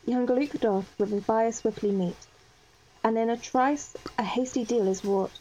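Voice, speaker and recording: A woman narrates stage directions and rhymed verse for a homemade table read. Her voice sits slightly high, and she reads briskly and cheerfully. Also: fairly even intonation, mellow, dull audio, a little hiss or hum.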